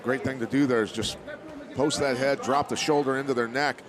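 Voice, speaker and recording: A man's voice: mid-range voice, steady tone, brisk. Male fight analyst over a roaring crowd. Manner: coach-like, explains technique. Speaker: color commentator analysing technique. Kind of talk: live MMA commentary. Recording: very loud arena crowd behind.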